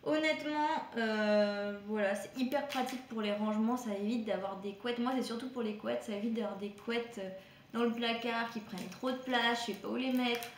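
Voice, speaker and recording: A woman's voice: on the high side, steady tone, normal speed, roomy sound, a little hiss or hum. A woman vlogger casually reviewing products from a shopping haul, chatty and hesitant, with frequent fillers and restarts. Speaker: beauty vlogger.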